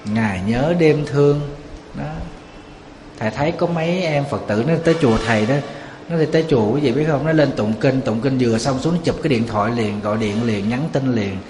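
A monk gives a conversational sermon at a mid pitch, often quizzing his audience. His voice reverberates through a large temple hall, with a faint hum of ambience behind. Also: brisk, darkish tone. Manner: conversational, asks the audience rhetorical questions. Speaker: Buddhist monk. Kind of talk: Buddhist sermon.

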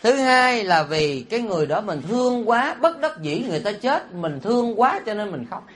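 A man, a Buddhist monk preaching a sermon. He is animated and teasing, and often puts rhetorical questions to his listeners. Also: sits high, a little hiss or hum. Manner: teasing and humorous.

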